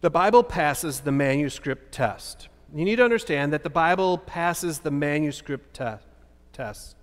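A man in his fifties, a pastor, delivering an animated sermon full of rhetorical questions, standing and gesturing at a lectern in a large church sanctuary. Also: on the high side, measured pace. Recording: long church hall reverb.

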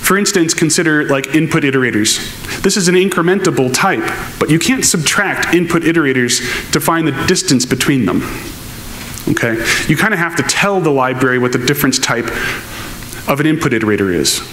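A man's voice: a little high, lively intonation, brisk, fairly bright tone. A man giving a technical conference keynote on stage, answering audience questions in a thoughtful, explaining manner. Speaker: conference speaker. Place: large lecture hall, on stage. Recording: echoey lecture hall with faint noise.

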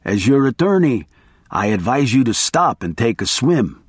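A man voicing a manic, excitable male attorney who shouts and raves, in an audiobook reading. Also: medium pitch, moderate pace, slightly rough, no echo, studio quality. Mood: scheming. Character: manic adult male attorney, frantic and raving.

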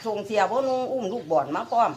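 A woman's voice: on the high side, lively intonation, quick pace, darkish tone. An older woman with an Isan accent telling a dream in a rambling way, repeating her words. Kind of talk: casual storytelling. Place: outdoors among a group of reporters.

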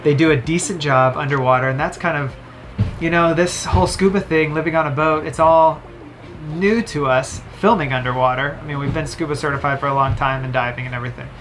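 Indoors in a sailboat cabin, a man in his thirties casually reviews camera gear to the camera, upbeat and chatty, explaining each item as he handles it. His voice is a little high and fairly bright, fairly quick, with faint music behind.

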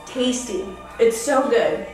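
Woman, 30s, beer vlog host, profane, rambling, slightly high, distant, roomy echo. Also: slow pace, soft background music. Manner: profane and rambling, loud whoops. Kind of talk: casual chat. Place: home. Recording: echoey room from far off.

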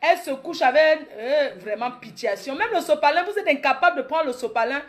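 Speaking fairly quickly in a high, expressive voice, a woman in her late thirties with a Cameroonian French accent mocks her critics. The comedic vlogger's monologue is brash and full of boasting.

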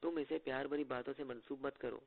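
Curt, scolding female agent, read by a man in his own gravelly voice, phone-like sound. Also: medium pitch, fairly even intonation, a little fast. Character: stern, sharp-tongued young woman agent. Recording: tinny phone-like lo-fi audio.

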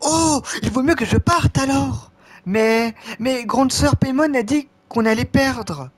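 A man voicing an anxious little girl in a game, reading her lines slowly. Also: extremely high pitch, no echo, voice pushed up, full character voice. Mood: worried. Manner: slow careful read-aloud.

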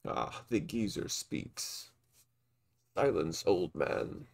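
A man voicing a smug, sinister male villain with a slow, mocking drawl. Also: sits low, animated, creaky, voice pushed down, full character voice. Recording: loud game music behind.

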